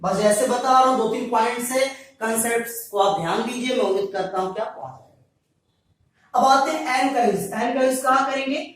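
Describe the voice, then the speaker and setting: A man's voice: very high voice, normal speed. A male teacher giving a grammar lesson to students, repeating each point and answering his own questions. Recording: very echoey room, voice far from mic.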